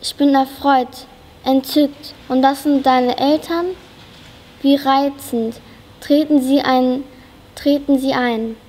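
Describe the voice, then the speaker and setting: Excited small old chocolate-factory owner read aloud by a girl, high and unhurried, in a reverberant hall. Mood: delighted. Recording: long reverb of a school hall.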